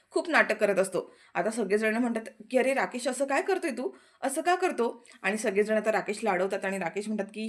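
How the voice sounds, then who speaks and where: A woman retelling a TV serial episode in a casual recap, quoting the characters' lines as she goes. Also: a little high. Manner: quick, animated retelling with quoted lines.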